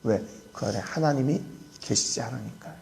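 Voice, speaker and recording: Earnest Korean pastor preaching softly. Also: male voice, medium pitch, normal speed, vocal fry, slight background noise. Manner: earnest preaching, acts out scoffers' voices, rising then dropping to soft emphasis. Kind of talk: early-morning prayer sermon.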